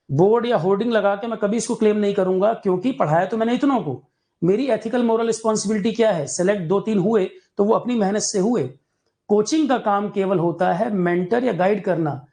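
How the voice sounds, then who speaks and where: A man's voice: sits high, darkish tone. A male coaching teacher giving exam aspirants a candid, blunt talk full of rhetorical questions.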